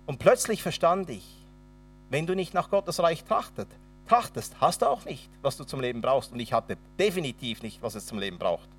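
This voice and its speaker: A man's voice: medium pitch, big pitch swings, normal speed, distant mic, faint music behind. A man with a Swabian accent preaching a sermon and telling his own testimony, acting out the dialogue dramatically. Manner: dramatic storyteller, acts out dialogue.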